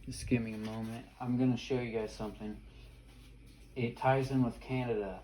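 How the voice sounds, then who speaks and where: A man's voice: mid-range voice, fairly even intonation, moderate pace, mellow, slight background noise, rough recording. A man vlogging about his dreams in a casual, rambling monologue, hesitant with many fillers and restarts, yet earnest and insistent.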